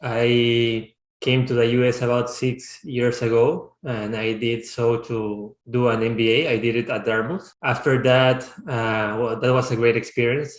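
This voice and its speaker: A man in his thirties from Peru, a startup founder, answering interview questions reflectively and often pausing to restart his sentences. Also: medium pitch, flat delivery. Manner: reflective, searching for words with frequent restarts. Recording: roomy, echoey sound.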